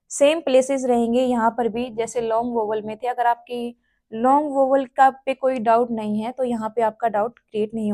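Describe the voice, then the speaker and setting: Speaking in a slightly high voice with a darkish tone, a woman leads a shorthand class. She takes it slowly, spelling out every sound and place individually and repeating each one as she explains the steps.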